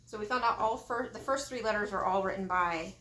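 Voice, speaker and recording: A woman player chatting at a tabletop game table, talkative and quick to laugh, with lots of fillers. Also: mid-range voice. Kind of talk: casual table chat. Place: room at a home game table. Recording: roomy echo, steady background noise.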